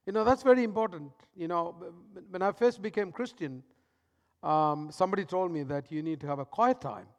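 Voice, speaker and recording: A man with a high-pitched voice preaching a sermon in a big echoing church hall. He pushes some lines out loudly, then drops others to a near-whisper. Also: fairly quick. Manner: dramatic swings between loud emphasis and hushed, soft lines. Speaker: pastor.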